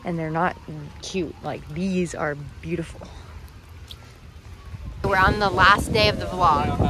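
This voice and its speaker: A woman vlogging casually while touring a house and garden, gushing and chatty. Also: mid-range voice. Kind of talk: casual vlog narration. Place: outdoors and indoors touring a house. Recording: noisy handheld camera audio.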